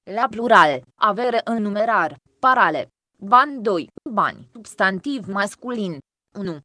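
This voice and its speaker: A woman reading a grammar lesson from a school textbook aloud, in a measured, even way. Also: medium pitch, dry recording, studio quality. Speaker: textbook reader.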